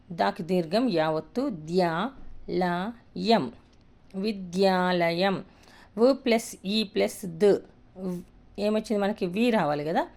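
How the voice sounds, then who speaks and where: A woman's voice: medium pitch, vocal fry, darkish tone. A woman teaching a beginners' writing lesson, patiently sounding out letters one by one.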